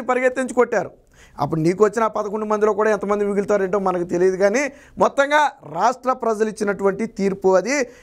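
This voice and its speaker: A man's voice: extremely high pitch, smooth. A man working as a political analyst, giving fiery political commentary and firing repeated rhetorical questions at his target.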